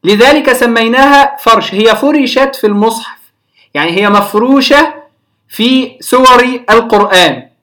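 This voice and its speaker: A Quran recitation teacher giving a classroom lecture, pausing often with drawn-out filler sounds and checking that listeners follow. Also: mid-range voice, sharp tone.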